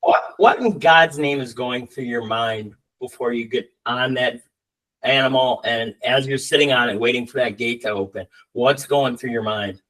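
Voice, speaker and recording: A man's voice: mid-range voice, moderate pace, fairly bright tone, poor audio. A man hosting a casual interview, chatty and exclamatory as he puts questions to his guest. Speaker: podcast host.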